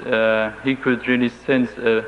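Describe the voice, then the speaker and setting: On a dull lo-fi tape with faint hiss, a man whose first language is German answers interview questions haltingly and carefully, often restarting. His German-accented voice sits at medium pitch and barely moves.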